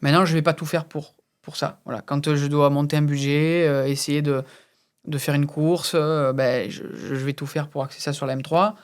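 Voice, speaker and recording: Man, interview guest, from France, fairly high voice, stammers and restarts often. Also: level tone, normal speed, clear, resonant tone. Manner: hesitant, many repeated words and fillers. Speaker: guest racing driver and instructor. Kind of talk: casual interview talk.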